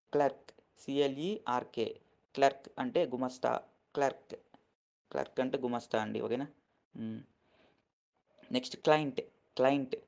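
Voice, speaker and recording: A man's voice: mid-range voice, gravelly, darkish tone. Earnest male Telugu teacher spelling words. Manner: keeps asking "okay?" after each point, spells words letter by letter; earnest, gets emotional while lecturing. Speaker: English vocabulary teacher. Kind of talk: casual lesson explaining words in Telugu.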